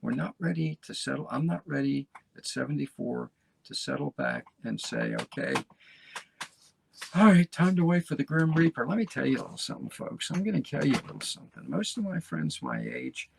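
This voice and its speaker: A man in his seventies hosting a talk show, folksy and rambling, encouraging his listeners with a gravelly voice. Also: medium pitch, very animated, a little fast, a little hiss or hum. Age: 70s. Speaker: podcast host. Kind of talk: motivational casual talk.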